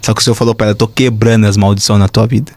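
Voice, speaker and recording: A Brazilian man, a pastor, telling a testimony in an excitable, animated way, with shouts and sound effects. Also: on the low side, rapid-fire. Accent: Brazilian Portuguese. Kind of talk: animated testimony in casual chat.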